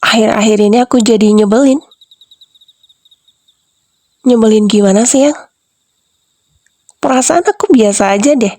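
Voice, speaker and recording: A woman's voice: fairly high pitch, normal speed, long pauses, a little mellow, dry recording. A young woman voicing a clingy, manipulative wife in an ASMR role-play, doting at first and then questioning and defensive.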